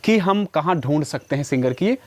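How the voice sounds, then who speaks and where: A man's voice: a little high, expressive, normal speed. A man giving a one-on-one harmonium lesson, patiently explaining and checking that the student follows. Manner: sings short phrases to demonstrate notes. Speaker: music teacher.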